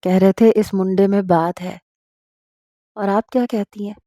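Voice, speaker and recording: A woman reading the part of a shy, anxious married noblewoman, speaking softly and teasingly. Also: medium pitch, steady tone, dry recording, clean studio sound, close to an everyday voice. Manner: soft, hushed and teasing. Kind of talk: dramatic audiobook reading.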